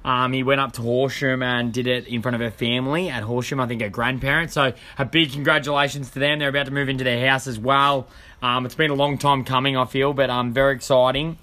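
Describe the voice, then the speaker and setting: Bright-voiced Australian man in casual banter. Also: mid-range voice, flat delivery, fast. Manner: joking, slangy. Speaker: podcast co-host. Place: outdoors.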